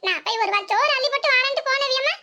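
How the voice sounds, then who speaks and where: A woman's voice: very high voice, sharp tone, pitched above the performer's own voice. A woman with a southern Tamil village accent voicing a flustered young woman in a comedy cartoon, grumbling in asides. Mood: exasperated. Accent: southern Tamil village speech. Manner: fast grumbling asides, complaining.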